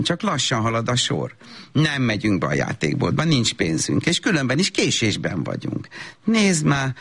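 Man doing a high, swooping voice for a self-absorbed young mum, cooing and nagging by turns. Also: fairly bright tone. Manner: sing-song baby talk flipping to shrill scolding. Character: frazzled self-absorbed young mother scolding toddler. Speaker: comedian. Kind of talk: comedy sketch monologue.

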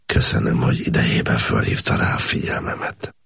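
A man reading aloud voices a stern but soft-spoken army lieutenant in an audiobook, speaking firmly and calmly. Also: extremely low pitch, vocal fry, slightly rough, no echo, clean studio sound, pitched below the performer's own voice, exaggerated voice. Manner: firm, calm, measured.

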